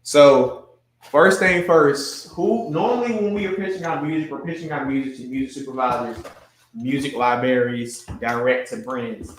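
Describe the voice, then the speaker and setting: A man's voice: mid-range voice, normal speed. Slangy man leading a workshop in an echoey room. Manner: loose, slangy, explains step by step. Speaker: workshop host. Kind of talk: casual workshop talk. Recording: roomy echo, faint background noise.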